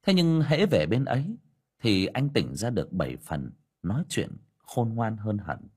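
Husky-voiced male storyteller. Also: fairly low pitch, a little slow. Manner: storytelling with lively emphasis, colloquial. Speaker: narrator. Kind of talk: audiobook story narration.

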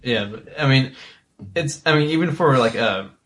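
Thoughtful man musing in halting chat. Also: mid-range voice, animated, fairly bright tone. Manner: thoughtful, halting, many restarts. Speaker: podcast co-host. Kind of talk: casual chat.

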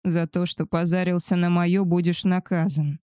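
A cold, commanding werewolf pack leader, voiced by a woman reading a storybook aloud. He speaks slowly and firmly, in a lowish, warm-toned voice with a dry, close sound. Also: little pitch movement, clean tone, no room sound, natural voice. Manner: stern, firm and measured.

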